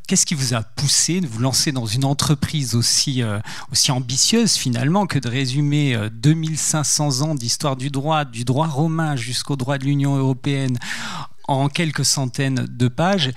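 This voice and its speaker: A man's voice: mid-range voice, normal speed, dry recording. A man hosting a public talk in French, speaking semi-formally in long, broken-up phrases with many hesitations. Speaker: event host, interviewer. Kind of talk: semi-formal spoken introduction.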